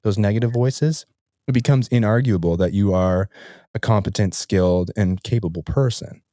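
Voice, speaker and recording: A man hosting a podcast interview, asking earnest coaching questions while his voice is low from being sick. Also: normal speed, dark tone, no echo, studio quality. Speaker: podcast host. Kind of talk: conversational interview.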